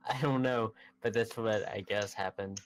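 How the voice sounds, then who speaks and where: A man's voice: lowish voice, steady tone, normal speed, over a noisy crowd. A teenage boy in a casual chat among friends, giggling and repeating his starts. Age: teens. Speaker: podcast co-host.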